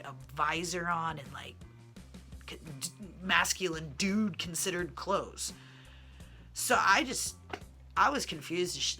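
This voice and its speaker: A man's slightly high voice, pushed and bright, tells personal stories straight to camera. He's a transgender singer and vlogger from the Midwestern US in his 30s, with a feminine-sounding voice and a candid, digressive style full of fillers.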